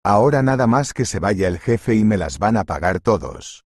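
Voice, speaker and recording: A man's voice: on the low side, animated, normal speed, darkish tone, husky, dry recording, studio quality. A man voicing a petty, spiteful male restaurant manager who talks in a sneering tone in a storybook reading. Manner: sneering, mocking.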